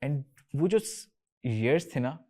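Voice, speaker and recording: A man's voice: medium pitch, big pitch swings, fast talker, darkish tone. A man in his thirties from Karachi with a Pakistani accent, hosting a casual, chatty talk with students and often slipping between English and Urdu. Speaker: host, company co-founder.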